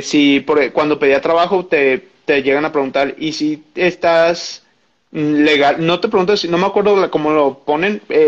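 A man recounting his experience in casual conversation, hesitant with frequent pauses and restarts. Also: a little high, lo-fi sound. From Mexico. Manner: hesitant, many fillers and restarts.

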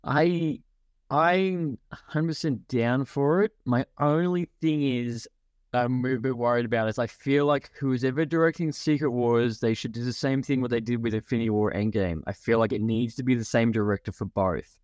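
A man's voice: mid-range voice, normal speed, a little mellow, dry recording, clean studio sound. A man co-hosting a casual podcast, talking animatedly and acting out quotes in a raised voice. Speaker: podcast co-host.

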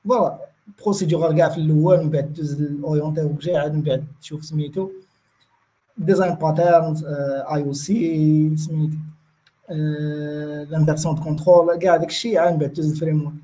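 Male, Moroccan accent, high and mellow, conversational panelist who repeats himself while thinking. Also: fairly even intonation, quick pace, rough recording. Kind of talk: casual panel discussion.

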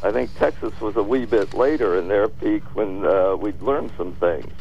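A man calling into a radio talk show, speaking casually in a halting, hesitant way. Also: fairly low pitch, creaky, darkish tone, slightly rough. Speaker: caller. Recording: muffled phone call with vehicle noise.

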